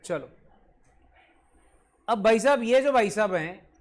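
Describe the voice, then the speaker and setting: A man's voice: high-pitched, lively intonation, slow. A male commerce teacher giving an online class lecture with a Punjabi-influenced Hindi accent, repeating points, quizzing his students and sometimes scolding them.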